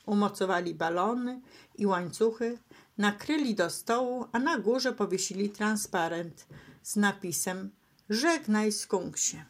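A woman reading a bedtime story aloud to children in a gentle, expressive, unhurried way. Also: medium pitch.

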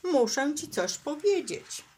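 A man's voice: on the high side, wildly swooping pitch, slow pace, full character voice. A woman reading a children's story, voicing an earnest male skunk who speaks up urgently.

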